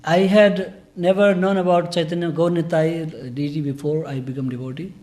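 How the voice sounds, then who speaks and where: A man's voice: on the high side, steady tone, moderate pace, a little mellow. A man from Nepal, giving an earnest, informal scripture class in a temple hall. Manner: earnest, informal, broken English grammar.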